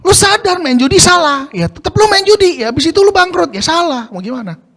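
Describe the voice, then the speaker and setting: A man's voice: very high-pitched, expressive, brisk, a bit bright. A male pastor preaching a casual slang sermon, asking the congregation rhetorical questions.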